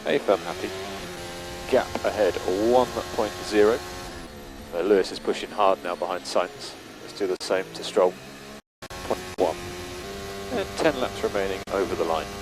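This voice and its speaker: A man's voice: sits low, moderate pace, long pauses, music in the background. A man working as a race engineer, giving clipped, matter-of-fact updates over team radio. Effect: team radio transmission. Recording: noisy team radio with car noise.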